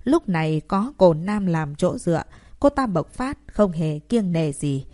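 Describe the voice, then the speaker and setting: A woman reading a dramatic novel aloud as narrator, in a steady storytelling voice. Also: lowish voice, measured pace, no echo, clean studio sound. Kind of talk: audiobook narration.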